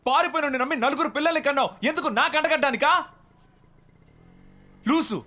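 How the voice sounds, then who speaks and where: An actor playing a fast-talking frustrated reporter. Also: male voice, high voice, natural voice. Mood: yelling. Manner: rapid, exasperated, snapping. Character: frustrated young male reporter and eldest son. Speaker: television news reporter. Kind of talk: dubbed film dialogue.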